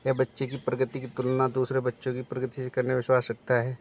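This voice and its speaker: A man's voice: mid-range voice, completely flat delivery, fast talker, a little mellow, a little hiss or hum. A man teaching exam preparation, reading out multiple-choice options and then explaining the right answer.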